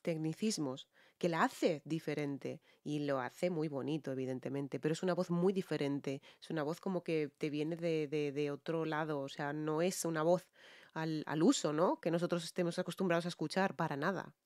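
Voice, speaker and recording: Low-voiced Spanish vocal coach, dry sound. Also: female voice, moderate pace, a little mellow, no room sound. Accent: Spain Spanish. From Spain. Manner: explanatory, checks in with viewers often. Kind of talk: song reaction and vocal analysis.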